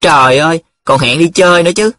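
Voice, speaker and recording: A man voicing a cocky, teasing young male student who jokes in a sing-song way, with a husky voice. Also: medium pitch, expressive, brisk, a bit bright. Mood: excited.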